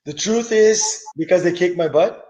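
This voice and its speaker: A middle-aged man who grew up in Brazil, guest in a casual interview, relaxed and enthusiastic with hesitant restarts. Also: high voice, normal speed. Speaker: guest, business owner.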